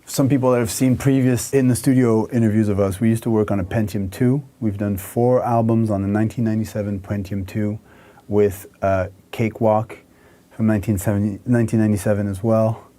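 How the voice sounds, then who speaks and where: This musician, a man in his thirties, chats casually while touring his wood-panelled studio. His voice runs on the low side and fairly quick, and he rambles in a relaxed manner, hands gesturing as he speaks.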